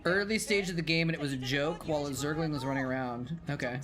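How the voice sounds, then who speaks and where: Slightly high and fast-talking, this man streams with music in the background. A former game caster watching old matches, he chats casually in a tired voice after long hours, rambling, self-correcting, and reading out and answering what viewers type.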